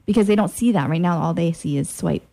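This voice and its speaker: A woman's voice: fairly low pitch, fast talker, creaky, dark tone. A woman hosting a radio show, chatting casually with a guest in a playful, goofy, informal way. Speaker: radio host and DJ interviewing a guest. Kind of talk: casual, jokey radio chat.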